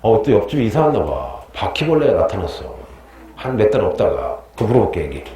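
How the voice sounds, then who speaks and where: A man's voice: fairly low pitch, big pitch swings, fairly quick, mellow, roomy sound. A middle-aged man teaching a history class, quizzing his students and joking and laughing with them as he lectures.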